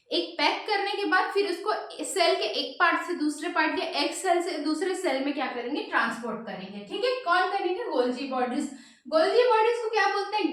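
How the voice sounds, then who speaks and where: A woman's voice: very high voice, fairly bright tone. A woman teaching biology for exam prep, asking questions and answering them herself. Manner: repeats "ठीक है" often. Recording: very echoey room.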